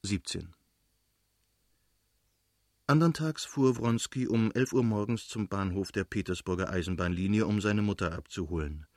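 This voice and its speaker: A man reading a classic novel aloud as an audiobook narrator in a measured, literary way. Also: lowish voice, darkish tone, dry recording, clean studio sound. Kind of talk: scripted narration.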